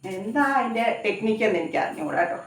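A woman cooking at home and rambling to the camera, often tagging her sentences with little check-ins. She sits at a middle pitch for a woman. She sounds a step back from a phone mic in an echoey kitchen. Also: fast, a little hiss or hum. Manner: rambling, conversational, often adds tag questions. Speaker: cooking vlogger. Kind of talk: chatty home cooking vlog. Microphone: phone camera some distance away. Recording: echoey room, voice from far off.

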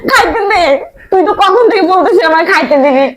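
An actress playing a hungry, childlike homeless madwoman who begs insistently for food, in a whiny, shrill voice. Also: lively intonation, fast. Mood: pleading. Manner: begging insistently.

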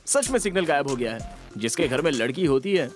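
A man's voice: fairly high pitch, animated, fairly quick, natural voice. An actor dubbing a cocky young male hero who teases and cracks jokes, in a Hindi film dub. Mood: teasing. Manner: teasing, wisecracking. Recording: film soundtrack with very loud music.

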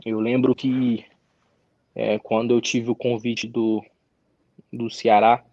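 Young male athlete guest, mid-pitch, casual halting storyteller; dry, muffled sound. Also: vocal fry, dark tone, dry recording. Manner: halting, repeats words and restarts, frequent tag questions. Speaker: interview guest, professional footballer. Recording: dry, slightly dull audio.

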